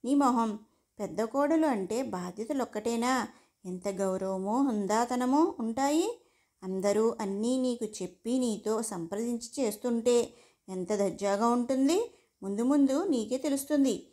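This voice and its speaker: A woman's voice: on the high side, measured pace, warm tone, close to an everyday voice. A woman voicing a middle-aged mother in a storybook reading, scolding sharply in a raised voice. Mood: coaxing.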